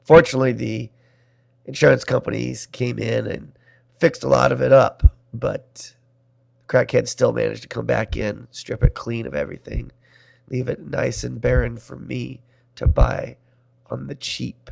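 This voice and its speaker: A man from Nebraska hosts a solo podcast, talking wryly and with self-deprecation. His voice is heavily gravelly and full of fry, and it sounds strained as he recovers from being poisoned. His pitch sits in an ordinary middle range. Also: measured pace. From Nebraska, USA. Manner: wry, self-deprecating, talks about his own voice. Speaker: podcast host.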